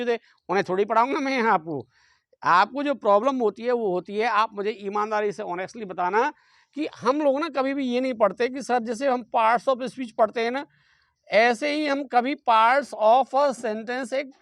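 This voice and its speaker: A man's voice: extremely high pitch, a bit bright, dry recording, studio quality. A man teaching an English grammar class with an Indian accent, asking the class questions and answering them himself. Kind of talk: classroom lecture.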